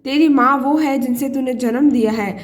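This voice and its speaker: A woman voicing an angry, stubborn elderly mother-in-law who scolds in sharp retorts. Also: sits high, moderate pace, natural voice.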